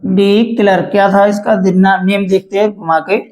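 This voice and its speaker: Teacher in an echoey room, asking and answering himself. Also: male voice, sits high, fairly even intonation, normal speed, a little mellow. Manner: repeats questions to the class and answers them himself. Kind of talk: explaining a textbook chapter.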